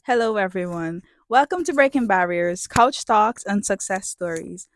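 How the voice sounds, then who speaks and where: A woman's voice: mid-range voice, moderate pace, very noisy. A woman in her twenties from Jamaica, hosting a panel conversation in an upbeat, welcoming way. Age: 20s. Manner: upbeat, welcoming host delivery. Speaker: host. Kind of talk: hosting a panel talk show.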